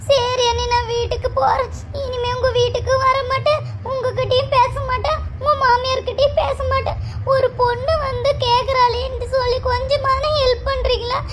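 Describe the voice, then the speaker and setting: A woman's voice: very high-pitched, fairly even intonation, a little fast, pauses often, noisy background. A woman playing a petulant young sister-in-law who whines and makes demands in a comedy skit. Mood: sulky. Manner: whiny, demanding, sulky.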